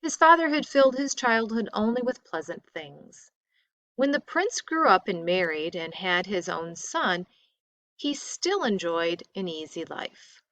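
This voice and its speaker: A woman teacher reads a textbook story aloud with great expression and deliberate, dramatic emphasis, letting phrases fall away softly at their ends. Her voice is medium-pitched and very animated, with no room sound.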